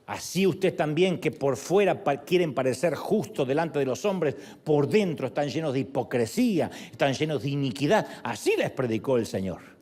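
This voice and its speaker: Animated preacher man. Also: a little high, moderate pace. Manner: animated, shifts voice for quoted speech and jokes. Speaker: pastor. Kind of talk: sermon.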